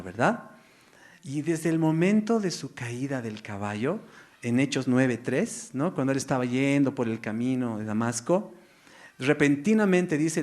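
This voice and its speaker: A man delivers a sermon with emphatic, repeating phrasing. His pitch sits in an ordinary middle range, and he sinks to a low, quiet tone when he quotes the divine voice. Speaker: preacher.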